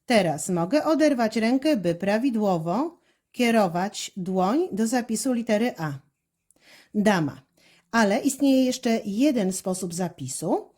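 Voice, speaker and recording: A woman teacher talking through a handwriting lesson step by step, in a slow, careful, instructive way. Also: mid-range voice, expressive, darkish tone.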